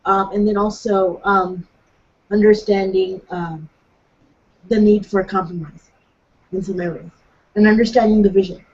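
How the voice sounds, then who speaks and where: Breathy woman guest speaking hesitantly. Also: mid-range voice, fairly even intonation, normal speed, pauses often, a little mellow, lo-fi sound. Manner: hesitant, thoughtful, many ums. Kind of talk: casual discussion.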